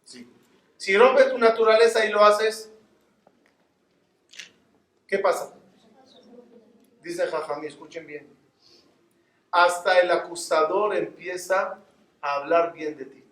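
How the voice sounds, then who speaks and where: High-voiced rabbi in an echoey room. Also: male voice, takes it slowly, pauses often, distant mic. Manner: animated storytelling, addresses the audience directly. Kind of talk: sermon with storytelling.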